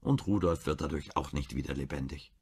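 A caring wife and doctor, as a male reader puts her on, gentle and pleading. Her voice stays low and gravelly. It sounds husky rather than clear. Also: fairly quick, heavily acted.

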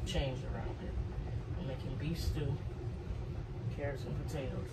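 Cooking in a small home kitchen, a woman in her thirties talks to a phone camera set on the counter, rambling loosely and reflectively for her vlog. Her voice is very deep and moderately paced, picked up by a distant mic in a very noisy recording.

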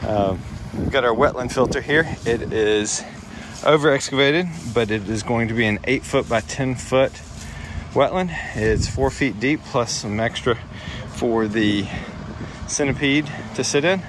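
A man's voice: mid-range voice, unhurried. A man giving a casual walkthrough of a backyard pond build, talking plainly and explaining as he goes. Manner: plain, explanatory, loose restarts. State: out of breath. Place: outdoor backyard construction site. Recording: outdoor recording with wind noise.

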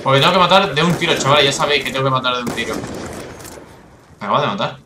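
Excitable Spanish gamer man, roomy mic. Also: mid-range voice, fast, noisy background. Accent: Spanish from Spain. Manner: excitable, swears, bursts of frustration. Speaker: gaming YouTuber. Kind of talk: live gameplay commentary.

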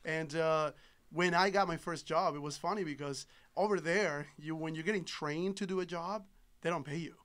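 His voice sits at a fairly high pitch, with a fairly bright tone and normal speed. The speaker, an Ecuadorian native Spanish speaker in his thirties who owns a solar business, is a friendly guest in a casual podcast chat, recorded via boom-arm studio microphone in a small padded room.

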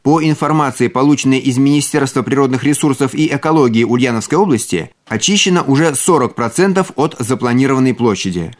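Male journalist, formal even delivery, news report. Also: medium pitch, fairly quick, hardly any pauses. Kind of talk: news reading.

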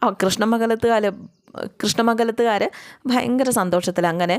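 A woman casually retelling a TV serial episode in an animated, chatty way, full of little fillers. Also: on the high side, moderate pace, clear, resonant tone, no echo, clean studio sound. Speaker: storyteller recapping a TV serial.

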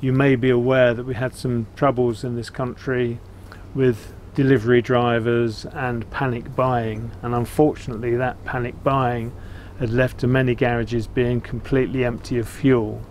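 An older man with an English accent talks to camera in an unhurried, chatty way. His voice is mid-pitched and plain-spoken. He is recorded outdoors, with some ambient noise around him. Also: little pitch movement, a little mellow. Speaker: vlog host. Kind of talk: casual chat to camera, recounting a trip. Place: outdoors, seated beside a narrowboat.

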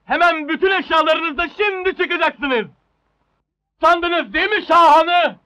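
A domineering landlord, taunts in a very high, piercing voice. He is gloating and threatening, in the manner of an old comedy film villain. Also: a little slow, bright, forceful tone, exaggerated voice. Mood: gloating, menacing. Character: gloating, threatening landlord bullying his tenants. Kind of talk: Turkish comedy film acting.

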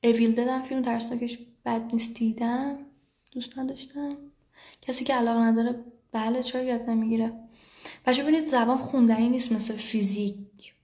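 A woman's voice: a little high, fairly even intonation, mellow. Chatty Persian woman teaching in an echoey room. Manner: chatty, switches to slow careful English words. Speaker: English teacher. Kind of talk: live online class answering viewer questions.

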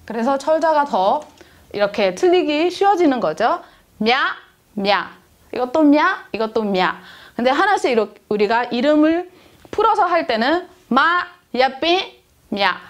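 Woman teacher drilling sounds slowly, high bouncy voice. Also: very animated. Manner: slow, repeats syllables for drilling. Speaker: language teacher. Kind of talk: online language lesson.

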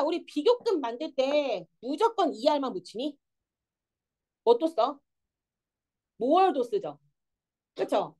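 A young woman teaching an English grammar lesson, explaining step by step and often checking whether the students follow. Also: high voice. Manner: lively, keeps checking understanding with students.

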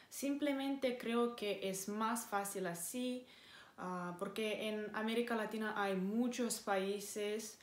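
A woman in her twenties from Moldova with a Moldovan accent and Romanian as her first language, talking casually to camera as a vlogger in a careful, deliberate way with small pauses. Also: medium pitch. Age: 20s. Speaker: vlogger and English teacher. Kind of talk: casual vlog talk to camera. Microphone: camera mic. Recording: echoey room.

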